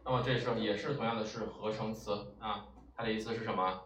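A man's voice: lowish voice, fairly even intonation, a bit bright, a little hiss or hum. Man teaching vocabulary in a roomy space. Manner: frequent drawn-out "啊" and "哎" fillers, rhetorical questions. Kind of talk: explaining Japanese vocabulary in Chinese. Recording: roomy echo, mic at a distance, faint ambience.

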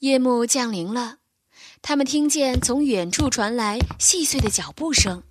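A young woman telling a children's bedtime story in a gentle, expressive reading voice. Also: on the high side, unhurried, a little hiss or hum.

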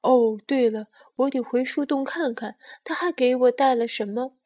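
A woman doing a loud, excited little bear cub. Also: high-pitched, slow pace. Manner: shouting, insistent.

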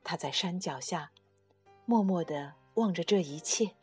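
A woman narrating a children's bedtime story in a gentle, expressive way. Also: lowish voice, a little slow, breathy edge, faint music behind.

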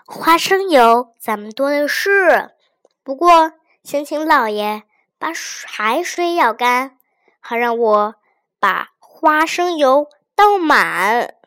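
A clever young wife answers softly and evenly, never rattled, voiced by a woman storyteller. Her voice is light and high, the pace slow and measured. It belongs in a folk tale read aloud. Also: lively intonation, no room sound, exaggerated voice. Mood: sly. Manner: gentle, quick-witted, soft-spoken. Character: clever calm young daughter-in-law.

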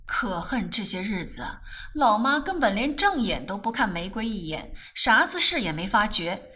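A woman narrating an audiobook novel in an expressive storytelling voice. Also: mid-range voice, moderate pace.

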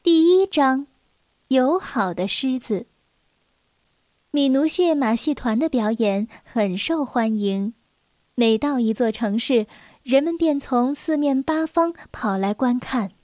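Slow and high-voiced, this woman narrates a children's tale with gentle expression, pausing for small asides aimed at young ears. There's no room sound, just clean studio audio.

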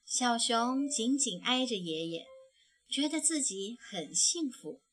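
Slow, bright-voiced woman reading a storybook. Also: on the high side, animated. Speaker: storybook narrator.

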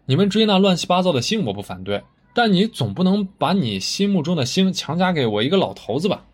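A man voicing a stubborn, blunt old village farmer who speaks in a gruff, indignant and scornful way. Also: medium pitch, big pitch swings, a little fast. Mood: angry.

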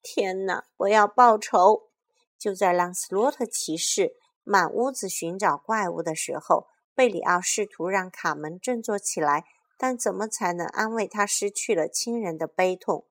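A woman reading a children's storybook aloud in a soft, lively storytelling manner. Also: lowish voice, moderate pace, few pauses.

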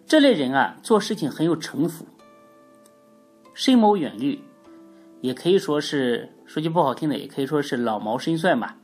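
A woman's voice: sits low, expressive, normal speed, a little mellow, faint music behind. A woman with a stuffy, congested nose from a cold gives an explanatory spoken lesson as the host, phrasing her points emphatically. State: has a cold. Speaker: teacher of Chinese astrology, hosting an audio programme.

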